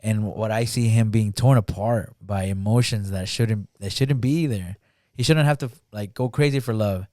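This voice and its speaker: With a fairly low, mellow tone, this male podcast guest chats casually, captured close and dry on a studio podcast mic with no room sound. He stumbles along with plenty of fillers, repeatedly performing lines as he recounts a movie.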